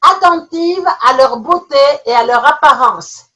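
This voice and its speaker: A woman running an online teaching webinar from her computer, reading out chat answers in quick playful lists. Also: sits high, pushed and bright, low-quality recording. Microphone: computer mic on a video call.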